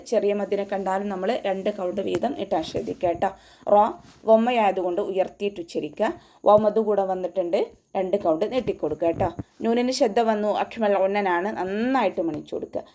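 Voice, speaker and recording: A woman with a dark-toned, mid-range voice teaches recitation online, slowly chanting and patiently working through each sound step by step.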